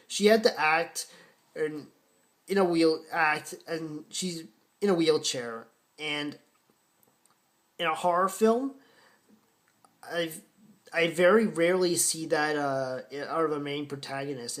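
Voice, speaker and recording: A man giving a casual film review, rambling and halting with many fillers, restarts and casual swearing. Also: fairly high pitch. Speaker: horror film vlogger.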